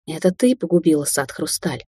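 A woman's voice: deep voice, expressive, fairly quick, a little mellow, breathy edge, no echo. A woman voicing a frightened, wary young woman in an audiobook, tense and cautious, crying out when hurt.

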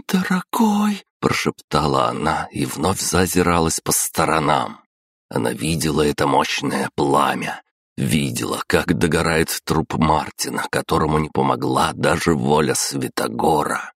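A male audiobook narrator reading a fantasy novel with steady, dramatic storytelling. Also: extremely low pitch, dry recording, clean studio sound.

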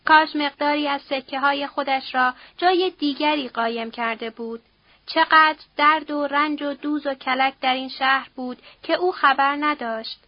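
A woman reading a novel aloud as an audiobook narrator in a steady, somber storytelling manner. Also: sits high, no echo, lo-fi sound. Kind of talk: scripted narration.

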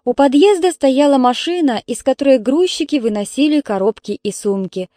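A woman's voice: sits high, normal speed, mellow, no echo, studio quality. A woman narrating a story as an audiobook reader, telling it evenly. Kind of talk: audiobook reading.

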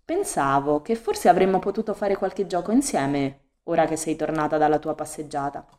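A sinister mother figure who speaks in a honeyed, coaxing way, sweet on the surface and menacing underneath. A woman reads her in a fairly low voice, as part of a storybook audiobook. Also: lively intonation, normal speed, warm tone. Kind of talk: audiobook reading.

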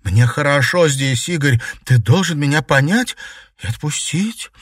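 A man voicing a stubborn, sharp-tongued teenage girl in an audiobook, speaking in a raised, heated voice. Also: fairly high pitch, expressive, a little slow, breathy edge, dry recording, clean studio sound, pitched above the performer's own voice. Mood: pleading, heated.

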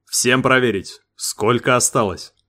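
A man's voice: mid-range voice, measured pace, sharp tone. Man doing a curt, stern ship commander. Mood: commanding. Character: stern, composed male spaceship commander. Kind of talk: audiobook character voice.

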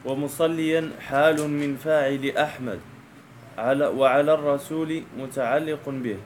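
A man's voice: a little high, fairly even intonation, a little hiss or hum. Male student reading a grammar text aloud. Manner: reads in a measured way, pausing at hard words.

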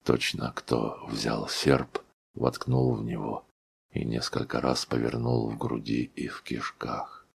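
A man reading a literary audiobook in a slow, somber storytelling manner. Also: a bass voice, flat delivery, vocal fry, breathy edge. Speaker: audiobook reader.

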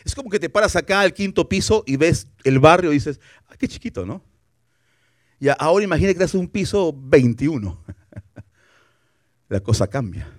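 A man preaches a sermon as a guest pastor, with a fairly high voice. He is animated, acts out what people say and keeps asking his listeners questions. The sound is dry and close, picked up by a broadcast mic. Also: normal speed, no echo. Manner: animated, acts out quotes, asks rhetorical questions. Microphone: broadcast for television.

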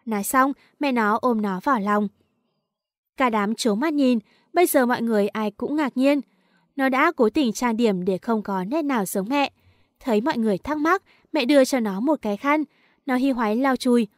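A woman's voice: on the high side, moderate pace, no room sound, studio quality. A woman reading a teen school story aloud as an audiobook narrator, speaking the characters' lines in her own lightly shifted voice. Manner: reads dialogue of many characters in one lightly shifted voice.

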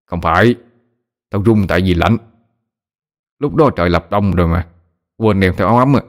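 A man's voice: deep voice, moderate pace, natural voice. A man playing a joking exorcist who teases his listeners with mock innocence. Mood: teasing. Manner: teasing, playfully mock-innocent. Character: joking young exorcist, sly storyteller.

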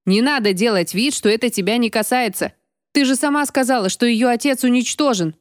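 A woman voicing a blunt, impulsive young woman who shouts her words. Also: fairly high pitch, brisk, dry recording, studio quality, pitched above the performer's own voice, natural voice. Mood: urgent.

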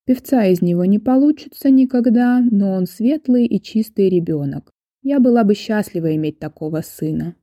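A woman's voice: medium pitch, normal speed, dark tone, no room sound, lightly acted. A woman reading the part of a stern, weary middle-aged jury chair in an audiobook, in a dry, tired, clipped manner. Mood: fond.

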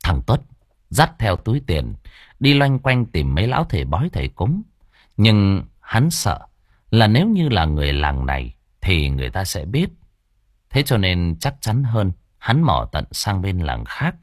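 A man reading a spooky story aloud with dramatic, animated storytelling. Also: low voice, a little slow, dry recording, clean studio sound. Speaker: audiobook narrator. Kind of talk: scripted story narration.

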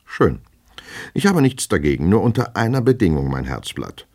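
A man's voice: low-pitched, sing-song, moderate pace, a little mellow, breathy edge, voice pushed up, full character voice. A man doing a smug, mocking double. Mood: teasing. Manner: mocking, mock-familiar. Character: smug, falsely friendly male double, mocking. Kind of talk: audiobook reading.

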